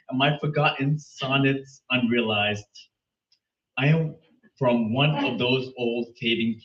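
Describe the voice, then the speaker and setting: A man reading a poem aloud at an open mic in an earnest, measured way. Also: medium pitch, fairly bright tone. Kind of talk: poetry reading. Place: small venue. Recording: echoey room from far off, dull sound.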